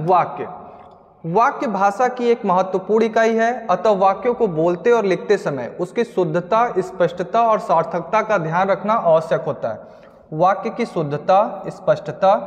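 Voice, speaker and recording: A man teaches an exam-prep grammar lesson in a high voice. He explains step by step, speaking to his viewers as friends and working through examples. The room gives his voice a long reverb. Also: unhurried, dull audio.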